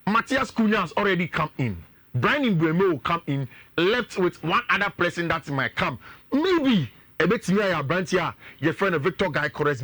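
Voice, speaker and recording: A man with a Ghanaian accent, a sports pundit giving energetic, analytical talk on a radio show and mixing in local phrases. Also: on the high side, no room sound.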